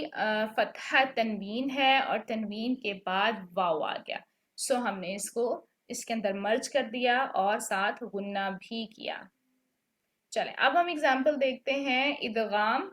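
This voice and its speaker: A woman's voice: a little high, fairly bright tone. A woman teaching a Quran recitation class, patiently explaining rules and checking that students follow. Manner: patient, checks understanding with "ठीक है?". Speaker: tajweed teacher. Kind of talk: online class instruction.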